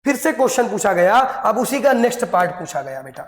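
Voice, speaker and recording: A man's voice: sits high, sing-song, fairly quick. A male teacher giving a lesson, coaxing his students and answering his own questions. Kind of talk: classroom lesson. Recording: echoey, reverberant room.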